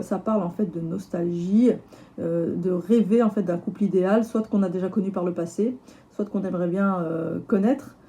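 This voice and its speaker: A woman with a slightly hoarse voice, chatting casually through a tarot reading with lots of fillers and restarts. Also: medium pitch, warm tone. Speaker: tarot reader.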